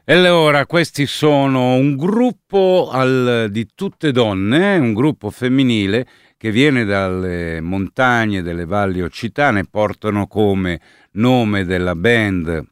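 Deep, slow-talking man. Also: clean tone, dry recording, studio quality. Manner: thoughtful, searches for words while explaining. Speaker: folk music presenter. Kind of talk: unscripted explanatory talk.

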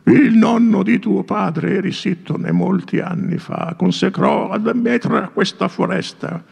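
Man doing an old priest, solemn, warning, strained high voice, storybook. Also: measured pace, creaky, slightly rough, exaggerated voice.

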